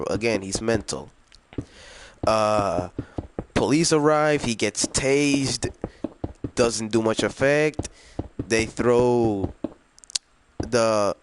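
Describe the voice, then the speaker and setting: A man's voice: on the low side, background noise. A man telling a long personal story in a casual, rambling way, full of fillers and slang. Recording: clear music behind the voice. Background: music.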